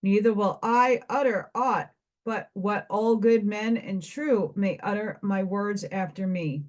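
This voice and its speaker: Slow calm life spirit with scales, a woman reading it, measured and ceremonial. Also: mid-range voice, natural voice. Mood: solemn. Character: merciful male spirit of life weighing mortals.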